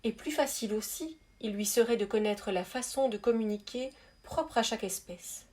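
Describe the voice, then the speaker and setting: Woman gently reading a spiritual tale. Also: fairly high pitch, moderate pace. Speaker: storyteller reading aloud. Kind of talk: calm read-aloud storytelling.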